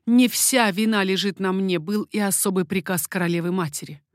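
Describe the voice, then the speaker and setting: A woman's voice: mid-range voice, brisk, no echo, close to an everyday voice. Anxious young baroness begging, as a woman reads her, urgent and imploring, dry sound. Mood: pleading.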